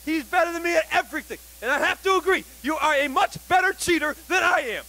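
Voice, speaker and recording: A young man cutting a brash wrestling promo as a wrestler, hollering drawn-out phrases in a gravelly voice. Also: very high voice, bright, forceful tone, rough recording. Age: young adult. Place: brick-walled indoor wrestling venue. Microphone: handheld microphone.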